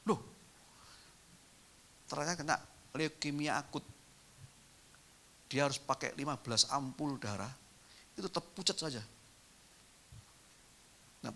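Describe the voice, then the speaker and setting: Bright-voiced man preaching animatedly. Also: on the high side, gravelly, a little hiss or hum. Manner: animated storytelling, addresses the congregation directly. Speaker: pastor. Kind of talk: sermon. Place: church.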